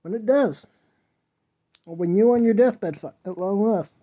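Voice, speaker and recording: A man with a high, dark-toned voice hosts a podcast, taking his time through an impassioned solo monologue. He whines as he pleads with listeners, earnest and preachy.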